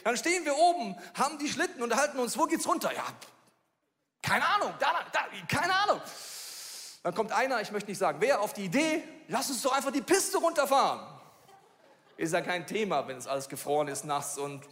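A man from Bavaria preaching, telling a funny personal story in a lively, animated way. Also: high-pitched, fast talker. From Bavaria, Germany. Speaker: pastor. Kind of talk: sermon with a storytelling style. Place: church hall. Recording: reverberant church hall.

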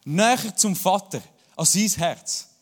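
A man's voice: high-pitched, lively intonation, slow pace. A man in his thirties with a Swiss German accent, preaching a church sermon full of personal anecdotes and humor. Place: church hall. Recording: long hall reverb.

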